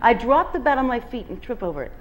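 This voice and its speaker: This guest reader talks fast, her slightly high voice swinging widely in pitch. She's reading a novel aloud before a bookstore audience, telling its first-person story expressively.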